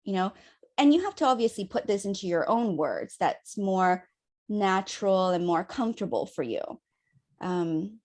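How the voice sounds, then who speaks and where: A young adult woman leading a communication workshop, talking in an animated, chatty way and acting out quotes. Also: mid-range voice, moderate pace. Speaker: workshop facilitator.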